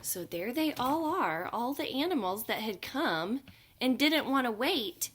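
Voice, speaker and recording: Gentle preschool teacher reading aloud. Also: female voice, on the high side, slight background noise. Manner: gentle and expressive, unhurried. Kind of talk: reading a picture book aloud to children. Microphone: home video recording.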